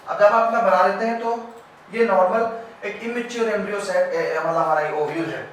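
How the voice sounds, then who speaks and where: A man teaching a biology lesson at a board. He explains step by step, asks his class if it is clear, and goes loud and then quiet as he draws. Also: high voice, brisk, distant mic. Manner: loud when explaining, quiet and trailing off while drawing. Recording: very echoey room, voice off-mic, faint background hiss.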